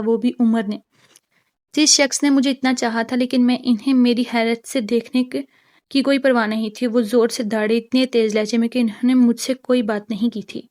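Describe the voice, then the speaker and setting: A woman giving a steady, dramatic first-person reading of a romantic novel. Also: a little high, dry recording, studio quality. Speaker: novel reader.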